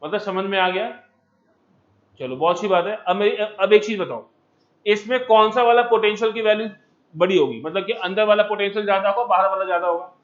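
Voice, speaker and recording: Teacher, male, high voice, coaxing and energetic, dull lo-fi sound, empty classroom. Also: brisk. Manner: coaxing, keeps asking students to answer; mixes English terms into Hindi. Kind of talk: energetic physics lecture.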